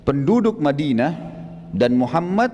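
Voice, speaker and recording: A man voicing a frantic male messenger who shouts in alarm for help. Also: a little high, big pitch swings, measured pace, a little hiss or hum. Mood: urgent. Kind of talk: acted quote in a sermon. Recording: long hall reverb.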